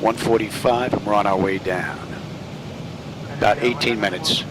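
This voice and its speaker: A man's voice: fairly low pitch, normal speed. A man giving casual, matter-of-fact pilot commentary on the progress of a flight. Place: small cockpit trainer. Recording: steady loud cockpit hum. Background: air conditioning-like engine hum.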